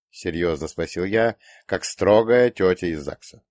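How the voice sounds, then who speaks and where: A man reading a first-person audiobook with wry, gently ironic narration. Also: low voice, moderate pace, dry recording, clean studio sound.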